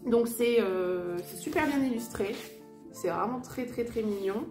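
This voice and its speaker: A woman's voice: fairly high pitch, a little slow, over music. A woman casually showing children's books at home beside a fireplace, hesitant, with many fillers and restarts. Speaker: vlogger and mother sharing children's books. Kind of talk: casual show-and-tell chat. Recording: roomy echo.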